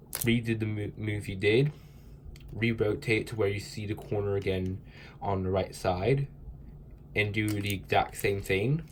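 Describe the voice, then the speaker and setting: Fairly low in pitch, with a little hiss or hum on the recording, this is the cubing tutorial host: a young man congested with a cold, casually rambling his way through the steps of a puzzle.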